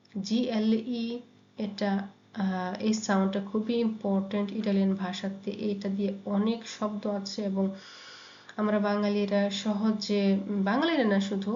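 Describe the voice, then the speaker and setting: A woman giving a pronunciation lesson, saying example words slowly and repeating each one. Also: medium pitch, darkish tone. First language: Bengali. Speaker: Italian language teacher. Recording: echoey, dull lo-fi room sound.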